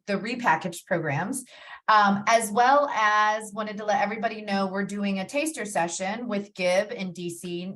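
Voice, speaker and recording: A woman's voice: medium pitch, fairly bright tone. A woman moderating a panel discussion who politely asks for questions and makes announcements. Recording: distant from the mic.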